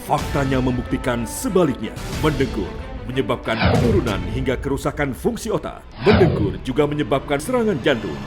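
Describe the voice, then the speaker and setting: Infomercial voice-over man: urgent, lively intonation, scripted sales read, loud backing music. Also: fairly high pitch. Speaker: infomercial announcer.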